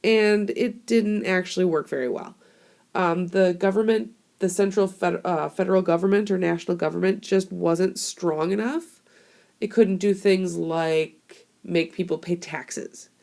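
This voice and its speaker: A young woman records a chatty history lesson for her class on a tablet mic, slightly slow and full of fillers. A cold has left her lowish voice hoarse and creaky, though it stays a little mellow. It's a screencast lesson.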